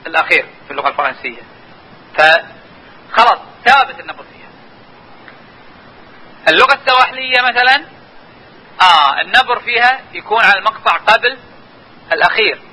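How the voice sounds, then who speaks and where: Fast, bright-voiced male lecturer. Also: high-pitched, slightly rough, rough recording. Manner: explanatory, repeatedly urging listeners to watch and notice. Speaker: linguistics lecturer. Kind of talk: classroom lecture.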